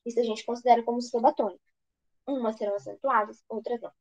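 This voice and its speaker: A Brazilian woman with a high voice teaches grammar for an exam. She asks questions and answers them herself, often restarting her sentences. The recording sounds dull and lo-fi. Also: steady tone, very fast, darkish tone. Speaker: exam prep tutor. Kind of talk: online grammar lesson.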